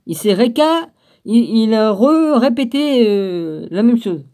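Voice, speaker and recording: A woman's voice: fairly high pitch, expressive, takes it slowly, warm tone. A woman reading a book aloud, stopping for wry asides and spelling out names. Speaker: reader of a book.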